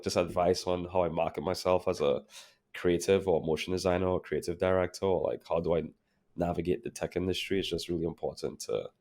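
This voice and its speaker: A guest from Trinidad and Tobago, a creative director, talks in a casual interview conversation with a low, gravelly male voice. He sounds relaxed and reflective, filling his speech with lots of "like" and "you know."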